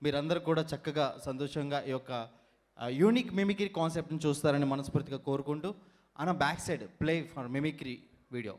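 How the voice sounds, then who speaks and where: Mimicry guy thanking everyone on stage, high-ish voice, super formal and flowery. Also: darkish tone. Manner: flowery, respectful, long drawn-out sentences. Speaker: mimicry artist.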